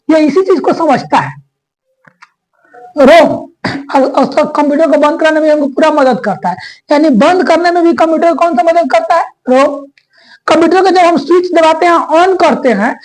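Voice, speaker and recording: High-voiced woman drilling computer terms. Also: darkish tone, poor audio. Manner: asks questions and answers them herself, repeating key terms. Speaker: computer teacher. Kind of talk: explanatory classroom lesson.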